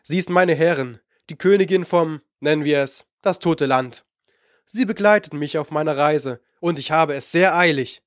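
A man reads a scheming old sorcerer who talks down to everyone, sneering and impatient in his storybook scenes. The voice sits somewhat high, and the recording is close and dry. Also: normal speed, dry recording, lightly acted. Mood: condescending. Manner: condescending, impatient. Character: scheming, mocking older male sorcerer.

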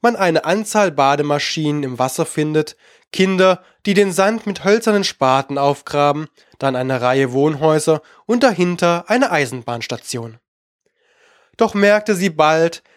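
A man narrating a storybook in an even, measured reading. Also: on the high side, no echo, clean studio sound. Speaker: audiobook narrator.

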